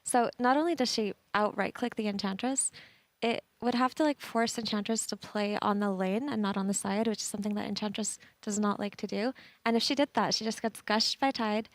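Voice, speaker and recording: A woman's voice: medium pitch, fairly even intonation, a little fast, no room sound. Woman esports analyst, out of breath, chatty, dry close sound. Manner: chatty, repeats words when thinking aloud.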